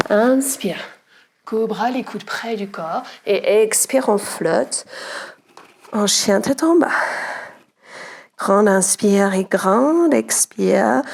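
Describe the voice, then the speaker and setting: A woman teaching a yoga class, giving calm cues in time with the breath, a little out of breath and stuffy with a cold. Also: medium pitch. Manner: calm cues timed to the breath, some lines whispered. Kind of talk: guided yoga class instruction.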